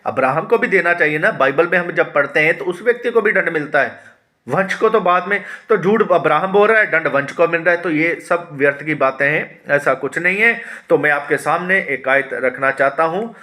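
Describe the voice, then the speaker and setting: Bright-voiced man teaching a Bible study. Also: on the high side, lively intonation, moderate pace. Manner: questions and answers himself, calls listeners "my dear ones"; reads verses aloud, then explains them with frequent hesitation sounds. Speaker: pastor.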